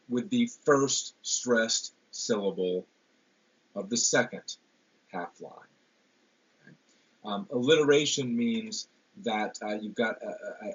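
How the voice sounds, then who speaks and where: Man, lecturer, hesitant with fillers, husky, muffled recording. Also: medium pitch. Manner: hesitant, many ums and repeated words. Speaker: literature lecturer. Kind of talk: classroom lecture.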